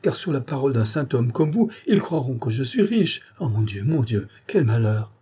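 A man's voice: mid-range voice, big pitch swings, normal speed, mellow, slightly rough, voice pushed up. A man voicing a miserly, pious old spinster aunt who protests in a plaintive, whining way.

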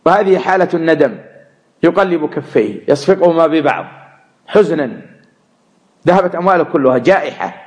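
A man teaching Quran commentary, measured and repeating words to stress them. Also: a little high, big pitch swings. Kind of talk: religious lesson explaining verses.

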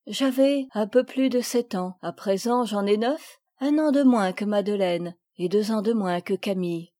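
A woman's voice: mid-range voice, unhurried, dark tone, no room sound, studio quality, lightly acted. A woman voicing a timid nine-year-old girl in a storybook reading, pleading and tearful. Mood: sad.

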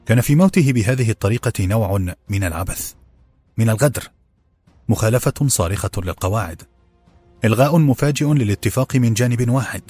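A man narrating an audiobook in a measured, grave storytelling manner. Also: medium pitch, lively intonation, mellow, slightly rough, dry recording, faint music behind. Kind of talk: scripted narration.

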